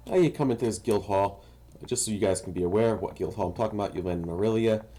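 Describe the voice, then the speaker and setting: A man casually narrating a game walkthrough, explaining each step to viewers in a relaxed, instructive way. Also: lowish voice, quick pace. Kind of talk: casual gameplay tutorial narration.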